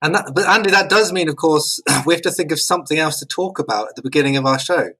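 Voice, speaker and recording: A man's voice: a little high, fast, pushed and bright, breathy edge, low-quality recording. A man co-hosting a casual podcast chat, making wry joking asides. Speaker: podcast co-host.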